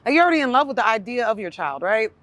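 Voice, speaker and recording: A middle-aged woman chats openly and emotionally as an interview guest on an outdoor porch, laughing often and talking a lot. Her voice sits on the high side with big pitch swings, a racing pace, and a fairly bright tone.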